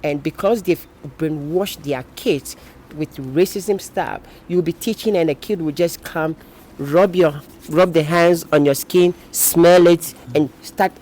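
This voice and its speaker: Brief: outspoken male interviewee, emphatic, slightly high voice. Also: a little slow, a little mellow. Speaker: interviewee, teacher. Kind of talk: casual interview answers.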